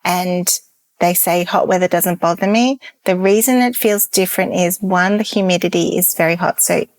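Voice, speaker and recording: A woman's voice: on the low side, normal speed, dry recording. A woman guest on a travel podcast, chatting casually and enthusiastically while giving practical tips.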